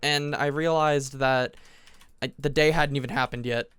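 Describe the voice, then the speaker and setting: A man's voice: medium pitch, steady tone, moderate pace, fairly bright tone, clean tone, no room sound. A teenage boy casually telling a long story over gameplay, rambling and restarting his sentences often. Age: teens. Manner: rambling, self-interrupting, frequent restarts. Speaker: gaming commentator.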